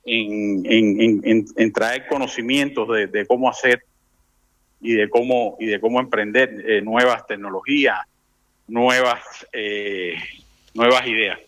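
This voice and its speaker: Bright-voiced halting man. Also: lowish voice, steady tone. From Cuba. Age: middle-aged. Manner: halting, many restarts and fillers. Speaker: interview guest. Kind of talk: conversational interview.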